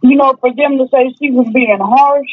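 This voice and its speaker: A woman calls in over speakerphone for a casual chat, her high voice at normal speed with fairly even intonation. She gives her opinion plainly, laying out her points in order, and the line sounds tinny.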